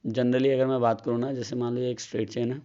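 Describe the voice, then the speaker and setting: A man's voice: medium pitch, flat delivery, fast, mellow, lo-fi sound. A man with a Hindi accent giving a casual chemistry tutorial, asking and answering his own questions. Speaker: chemistry teacher. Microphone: phone.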